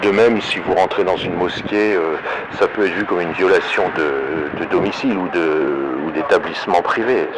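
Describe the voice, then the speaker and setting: Very deep voice-changed man, halting. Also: background noise. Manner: halting, frequent self-corrections and repetitions. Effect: pitch-lowering voice changer. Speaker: online video commentator. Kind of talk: unscripted opinionated monologue.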